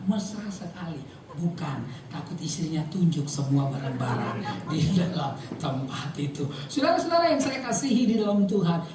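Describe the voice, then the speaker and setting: A man's voice: high-pitched, a little mellow, a little hiss or hum. A man from Maluku preaching a sermon as pastor, telling stories and jokes and often calling out to the congregation. He calls himself somewhat emotional and reactive. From Maluku, Indonesia. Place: church hall with congregation. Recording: very echoey hall, voice from far off.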